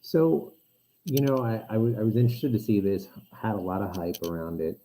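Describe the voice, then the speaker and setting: A man's voice: fairly low pitch, a little fast, mellow, slight background noise. A man co-hosting a casual podcast over a remote line, his voice muffled as if through a wall, talking bluntly and swearing freely. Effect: muffled microphone, as if talking into a closet or through a wall. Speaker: podcast co-host. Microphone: remote call-in microphone.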